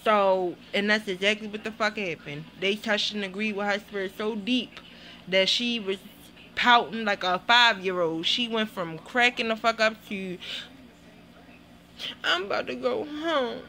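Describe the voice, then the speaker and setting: A woman reviewing a TV show in a casual vlog, blunt and animated, cursing freely as she talks. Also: medium pitch, moderate pace, a little hiss or hum. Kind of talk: casual profane vlog commentary.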